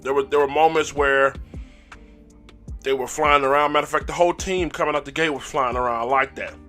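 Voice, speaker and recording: With faint music behind him, a man recaps a game casually on his sports fan channel in a hoarse, raspy voice that's a little high, steady, brisk and sharp. He uses hyped call-and-response and clears his throat a lot.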